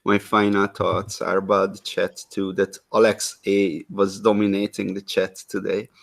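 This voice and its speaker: A man with a low voice speaks in a notably flat monotone. He reads chat comments and recounts others' remarks dryly, like a podcast co-host in casual talk. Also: unhurried, vocal fry.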